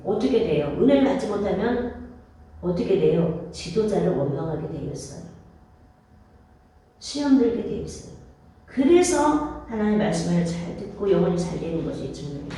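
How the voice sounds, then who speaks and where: A woman's voice: medium pitch, dark tone, recorded from a distance. A woman pastor preaching a sermon, repeating phrases, asking rhetorical questions and calling for amens from the congregation. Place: church sanctuary. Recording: very echoey church hall, voice from off-mic.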